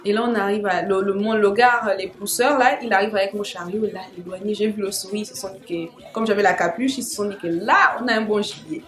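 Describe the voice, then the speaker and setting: A woman's voice: mid-range voice, a little fast, few pauses, a bit bright, soft background music. A young woman tells a story to her viewers in a casual way. She repeats phrases and drops slangy asides. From Gabon. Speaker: online content creator. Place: home with children playing nearby. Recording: echoey room with faint background noise.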